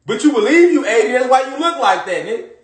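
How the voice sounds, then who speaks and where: This man's very high voice is animated and fast as he rants casually to his listeners, emphatic and full of profanity, circling back to his points again and again. He's a social media commentator recorded in an echoey room.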